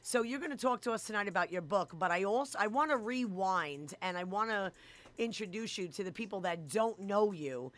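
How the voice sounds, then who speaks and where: A woman hosting a live talk show, effusive and chatty, full of shout-outs. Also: mid-range voice, lively intonation, brisk. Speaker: radio show host.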